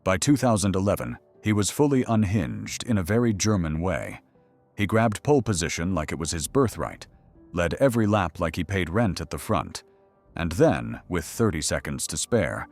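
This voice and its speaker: A deep-voiced man delivers scripted documentary narration with a dramatic, teasing edge. His pitch swings widely as he tells the story, and soft music sits under his voice. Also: big pitch swings, moderate pace.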